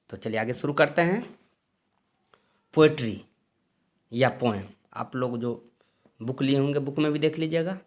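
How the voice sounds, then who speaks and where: Guy teacher going over exam syllabus, says each title slow twice, keeps clearing his throat. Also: mid-range voice. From India. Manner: reads each title slowly twice, then repeats. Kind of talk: syllabus lesson for exam students.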